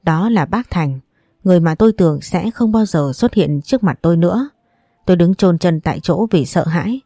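A woman reads a novel aloud in first person with steady, even storybook narration. Her voice sits low and mellow, and the recording is dry and close with no room sound. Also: a little fast, no echo. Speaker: audiobook narrator.

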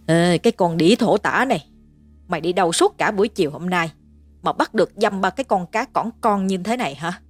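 A woman's voice: medium pitch, big pitch swings, normal speed, long pauses, soft background music. A woman voicing a middle-aged peasant mother who screeches curses and insults at her daughter. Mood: shrieking abuse. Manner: screeching, cursing tirade.

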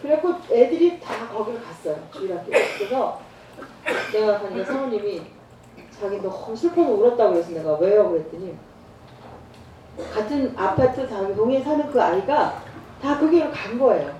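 A woman's voice: mid-range voice, moderate pace. A middle-aged woman evangelist telling stories in a church training talk, acting out the dialogue. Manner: storytelling, acts out dialogue with lively voices. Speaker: evangelist preacher. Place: church hall. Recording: roomy church hall, far from mic, faint noise.

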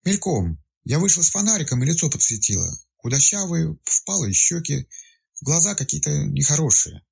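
A man voicing a sleepy, grumbling village woman woken in the night, in a raised pitch and a slightly husky voice. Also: very animated, normal speed, dark tone, full character voice. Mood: sleepy chatty. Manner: grumbling, then frightened and chatty.

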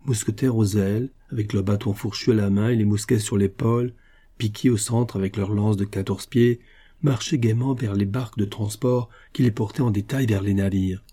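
A man narrating a classic novel as an audiobook in a calm, measured way. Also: fairly low pitch.

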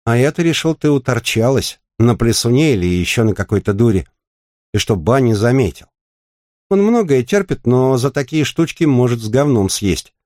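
A brash, crude courier guy who mocks and needles, pitched higher and bouncing all over his range, as a male reader puts him on. Coarse and teasing, with a dry close sound. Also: big pitch swings, normal speed, a little mellow, no echo, natural voice. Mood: mocking.

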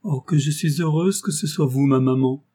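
A man's voice: mid-range voice, sing-song, extremely slow, mellow, slightly rough, heavily acted. A man voicing a trusting, joyful little girl, his voice lifted a little and eager.

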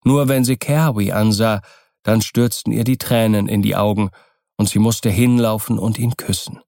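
A man doing scripted narration of an audiobook in a calm, even storytelling manner. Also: fairly low pitch, normal speed, gravelly, dry recording, clean studio sound.

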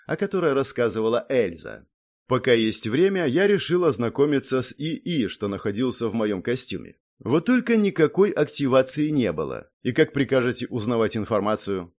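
Male audiobook narrator, animated delivery. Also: medium pitch. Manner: steady and matter-of-fact, with wry asides. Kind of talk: first-person audiobook narration.

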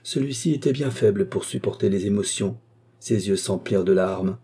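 Man with a dark husky voice reading a classic. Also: lowish voice, normal speed. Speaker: narrator. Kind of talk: audiobook reading of a classic novel.

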